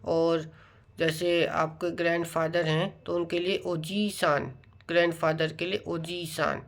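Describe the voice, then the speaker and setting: Guy doing a chill study vlog, kinda gravelly voice, thinks out loud as he explains. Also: fairly high pitch, little pitch movement. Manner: unhurried, musing explanation to viewers. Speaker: student vlogger. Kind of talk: casual study vlog talk.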